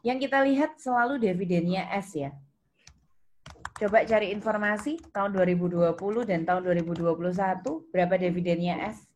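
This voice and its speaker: Step by step, an accounting lecturer explains her online lesson, stopping to question students and repeating their answers. Her voice is lowish, a little fast and a little mellow, and the audio is noisy with keyboard typing and clicks.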